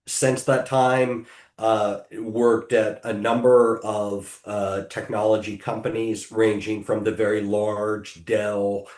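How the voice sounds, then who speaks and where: Hesitant low-voiced man in echoey room. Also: a little mellow. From United States. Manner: hesitant, many ums and restarts. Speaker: podcast guest, technology attorney. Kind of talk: casual interview answers.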